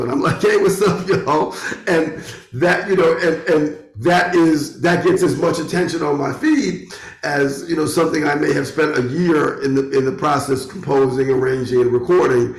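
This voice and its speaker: A middle-aged man chatting casually from a home studio, circling back and repeating phrases as he reasons. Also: a little high. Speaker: musician, guest. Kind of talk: casual chat. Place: bedroom turned home studio. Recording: roomy, echoing internet call audio.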